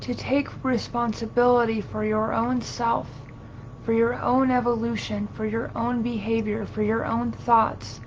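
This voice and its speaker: Slow, measured woman channeling like a seance medium. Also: darkish tone. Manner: formal, archaic phrasing in halting, deliberate phrases, speaking as a collective "we". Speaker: trance channeler. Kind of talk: seance medium channeling, solemn spiritual sermon. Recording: dull lo-fi audio with low rumbling noise.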